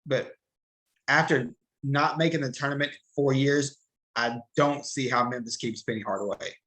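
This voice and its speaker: A man's voice: mid-range voice, steady tone, normal speed, fairly bright tone, poor audio. A man co-hosting a casual sports podcast, blunt and brief, mostly agreeing. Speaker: podcast co-host.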